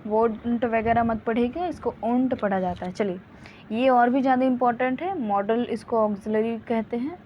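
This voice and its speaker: A young woman teaching spoken English, explaining slowly and patiently and drilling example words again and again. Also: a little high. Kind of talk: bilingual grammar lesson. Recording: dull lo-fi audio with faint hiss.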